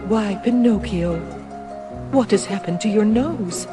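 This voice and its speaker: A woman voicing a gentle, gracious, motherly fairy in an animated game, poised and kindly admonishing. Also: mid-range voice, measured pace, natural voice. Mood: gently admonishing. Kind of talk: animated game character acting. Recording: music behind the voice.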